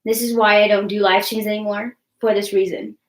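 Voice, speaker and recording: A woman's voice: mid-range voice, fairly even intonation, fairly quick, roomy sound, rough recording. A young woman vlogger in casual live-stream chat, blunt and defiant, swearing freely and rambling with many likes and ums.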